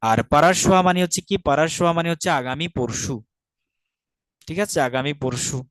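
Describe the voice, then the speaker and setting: Man, bangladeshi bengali accent, language teacher, patient, slow repeated words, dry sound. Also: fairly high pitch, a bit bright, no room sound. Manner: patient, repeats each word slowly for pronunciation. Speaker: Sanskrit teacher. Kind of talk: online language lesson.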